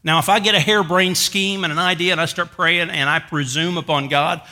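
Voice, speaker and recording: A pastor preaching a sermon in a conversational storytelling way, with light self-mocking humor and slow emphasis on key words. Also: male voice, on the high side, steady tone, pushed and bright.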